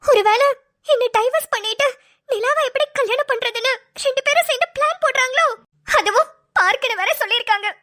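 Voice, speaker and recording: A woman's voice: very high-pitched, a little fast, bright, forceful tone. A woman voicing a jealous young ex-girlfriend in a cartoon, whiny and pleading. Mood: worried. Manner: whiny, pleading, self-pitying. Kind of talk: cartoon dialogue.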